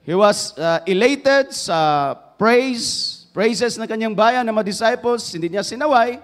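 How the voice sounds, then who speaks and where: A man with a Filipino accent preaching a sermon, switching between Filipino and English, swinging from loud emphatic phrases down to hushed, low passages. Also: animated, slow pace. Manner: mixes English into Filipino, rising to loud emphasis then dropping to hushed tones.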